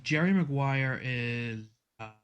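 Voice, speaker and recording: A man's voice: mid-range voice, takes it slowly, a bit bright, smooth, dull audio. A man co-hosting a casual movie podcast, rambling with many ums and getting exasperated. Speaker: podcast co-host. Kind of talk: casual chat.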